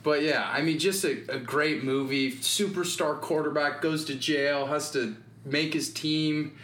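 A man's voice: on the high side, fairly even intonation, a little slow, a bit bright, roomy sound, a little hiss or hum. A man co-hosting a podcast, chatting eagerly and casually, agreeing often and swearing now and then. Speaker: podcast co-host. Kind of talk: casual chat.

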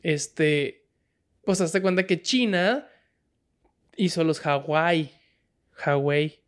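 A woman's voice: low-pitched, drawn-out words. A woman with a Mexican accent from the Guadalajara area, co-hosting a casual comedy chat, explaining news in a slangy, joking way. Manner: jokey, slangy, laughs often while explaining. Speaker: podcast co-host.

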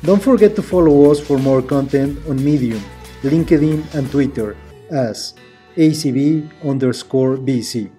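Podcast host guy, really mellow dark voice, formal and measured, faint music behind. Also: medium pitch. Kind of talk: podcast intro and interview.

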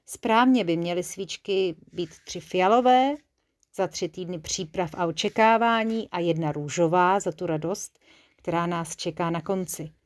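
A woman voicing a kindly old female linden tree in a children's storybook, explaining things gently and patiently. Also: fairly low pitch, lightly acted. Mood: gentle. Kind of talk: storybook character voice.

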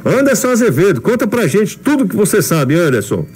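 A man's voice: sits high, sing-song, a little fast, a little mellow, slight background noise. A man hosting casual sports radio talk, his voice muffled because he speaks through a face mask. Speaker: sports radio show host. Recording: studio mic muffled by mask, music bed.

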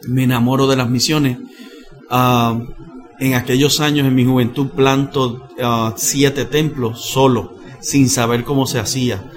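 A man, a missionary pastor who tells his story in a lively, dramatic way and slows down for the lines he quotes. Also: mid-range voice. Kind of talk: animated personal storytelling.

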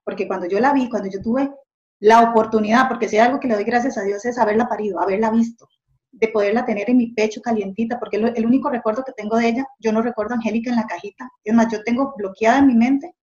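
A woman's voice: fairly high pitch, steady tone, fast talker, darkish tone. A middle-aged woman telling her story earnestly, often ending phrases with a tag question. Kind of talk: personal testimony. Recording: dull lo-fi sound.

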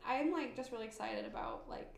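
A woman in a casual chat, speaking excitedly but haltingly with many fillers. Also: fairly high pitch, vocal fry, roomy sound.

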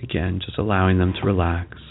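Male meditation guide: low, gravelly voice, soft and soothing, leaving long pauses, over music. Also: flat delivery, narrow, tinny audio. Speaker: meditation guide, show host.

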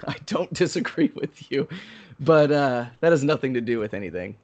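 A man's voice: medium pitch, expressive, normal speed, a little mellow. A man hosting a podcast as a mock awards emcee, presenting in a casual, joking way.

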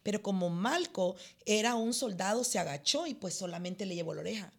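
A woman pastor tells her testimony in a lively way, acting out the dialogue. Her voice has a gravelly, creaky texture. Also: medium pitch, a little fast. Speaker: pastor and prophet. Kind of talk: testimony in a faith talk.

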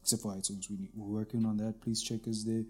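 A man's voice: on the low side, level tone, fast talker, darkish tone, soft background music. A South African man co-hosting a podcast, chatting casually and rambling with restarts. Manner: rambling, restarts with filler words. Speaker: podcast co-host.

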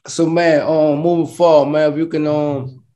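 A man's voice: fairly high pitch, flat delivery, normal speed, dark tone, muffled recording. A man hosting a show in a casual, chatty way. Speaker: podcast host. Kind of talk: casual chat.

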